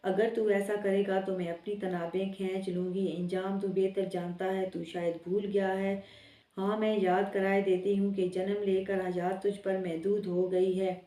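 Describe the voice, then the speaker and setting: A woman reading aloud the lines of the Earth as a stern female spirit, commanding and warning in a flat, even tone. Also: medium pitch, measured pace, close to an everyday voice. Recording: roomy, distant mic.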